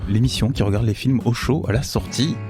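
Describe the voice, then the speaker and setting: A man's voice: mid-range voice, a little fast, over loud music. Playful man hosting a film podcast. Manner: playful, stumbling over repeated words. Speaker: podcast host. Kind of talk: casual film-review chat. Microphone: online call.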